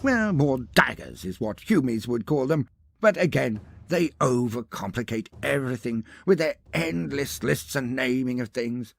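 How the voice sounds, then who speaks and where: In a dry recording, a man with an animated, gravelly, medium-pitched voice performs dramatic fantasy narration for a lore video at normal speed. He reads the script theatrically and grandiloquently, peppering it with wry asides.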